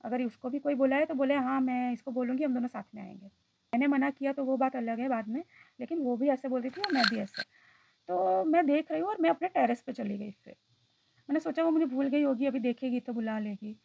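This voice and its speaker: A woman's voice: high voice, a little fast, vocal fry, warm tone, no room sound, highs cut off. A woman vlogger telling a personal story in a reflective, hesitant way, often slipping into English phrases.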